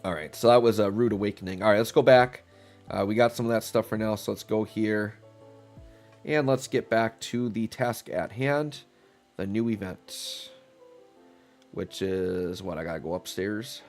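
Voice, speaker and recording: Over faint background music, a man streams a game live, his fairly low voice congested from a cold he's recovering from. He speaks at a moderate pace, relaxed and rambling, filling gaps with fillers as he thinks aloud.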